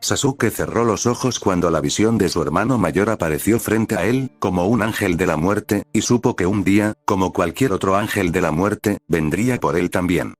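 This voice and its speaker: A man reading fan fiction aloud as storybook narration, at a steady, even pace. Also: low voice, normal speed, few pauses, no echo.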